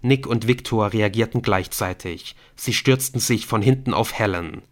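A man narrating a thriller audiobook in a steady, measured way. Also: on the low side. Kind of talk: scripted narration.

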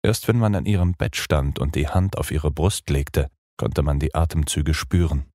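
Super deep guy reading an audiobook, dry close sound, steady pace. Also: dry recording. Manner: measured, even storytelling. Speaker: audiobook narrator. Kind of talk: scripted narration of a gothic novel.

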